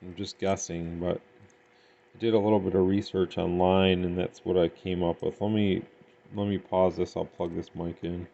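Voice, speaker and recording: A CB radio hobbyist gives a casual hands-on demo of gear, thinking aloud in an unpolished, tentative way. His low, gravelly, mellow voice stays level at a normal speed. It's a dull lo-fi home recording with faint noise.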